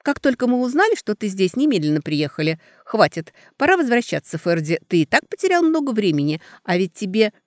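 A man voicing a domineering aristocratic mother who shouts commands at her grown son, read as an audiobook character. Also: high-pitched, very animated, brisk, hardly any pauses, dry recording, clean studio sound, pitched above the performer's own voice. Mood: imperious, shouting. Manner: loud, commanding, scolding.

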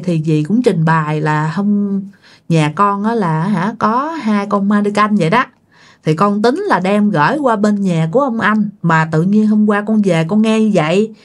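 A woman, casually telling a ghost story and talking directly to her listeners. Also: medium pitch. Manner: chatty, addresses listeners directly.

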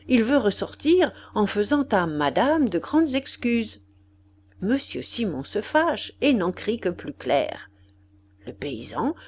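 Slow, lively-voiced woman reading a classic. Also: medium pitch. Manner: expressive, measured literary reading. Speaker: audiobook narrator. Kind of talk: audiobook reading of a classic memoir.

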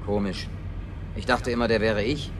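A man's voice: on the low side, steady tone, normal speed, a little hiss or hum, close to an everyday voice. An actor in a radio play voicing a naive, bumbling male survivor who rambles, apologises and grumbles. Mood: hesitant, earnest.

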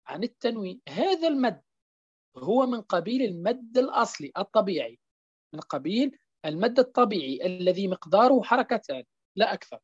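A Quran recitation teacher gives a tajweed lesson in a husky, mid-range voice, speaking briskly and with great animation. She asks questions and answers them herself, repeats key terms, and uses frequent rhetorical prompts to check that her students follow. The recording is dull, lo-fi and dry, with no room sound.

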